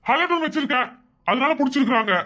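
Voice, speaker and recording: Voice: high voice, fast, background noise, close to an everyday voice. A performer voicing a teasing village husband in a cartoon who brushes off his wife's questions curtly. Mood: dismissive. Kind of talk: cartoon voice acting.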